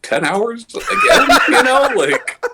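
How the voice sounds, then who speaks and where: A man in his late thirties hosting a podcast, talking in a loose, rambling way and leaning on "you know" as he goes. His pitch sits in a middle range but swings around a lot. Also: huge pitch swings, takes it slowly, heavy background noise. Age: late 30s. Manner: laid-back, rambling with frequent "you know". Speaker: podcast host. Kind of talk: casual chat.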